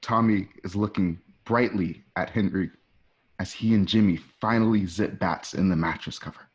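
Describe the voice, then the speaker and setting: A man with a low voice narrates an amateur radio play at a moderate pace, reading out the screenplay's stage directions. It is a dull, lo-fi home recording.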